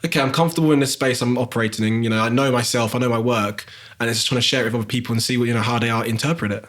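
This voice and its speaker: A man's voice: mid-range voice, steady tone, rapid-fire, a bit bright. A man in his thirties with a South London accent, a guest in a podcast interview, talking reflectively with many fillers and restarts. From England. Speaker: guest, graphic designer.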